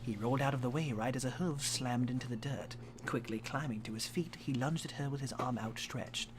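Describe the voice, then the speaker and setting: A young man reads a fan story aloud on a live stream from his home setup, hamming it up with swearing and laughing asides. His voice is medium in pitch and fairly quick, with background noise behind it.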